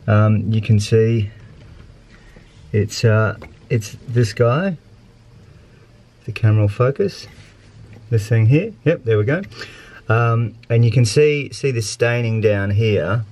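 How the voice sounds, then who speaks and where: A man in his forties on a sailboat, talking through an engine repair at a relaxed pace with plenty of ums. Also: on the low side. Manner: relaxed, matter-of-fact, hesitant with ums. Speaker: sailing vlogger. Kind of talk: casual how-to narration. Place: aboard a sailboat, engine bay and deck outdoors. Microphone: handheld action camera.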